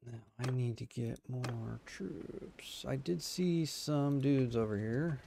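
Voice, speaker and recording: A man's voice: medium pitch, takes it slowly, vocal fry. A man streaming a game, chatting casually and talking to himself and his viewers as he plays. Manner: rambling self-talk to viewers. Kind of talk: casual gameplay commentary. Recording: loud game noise behind.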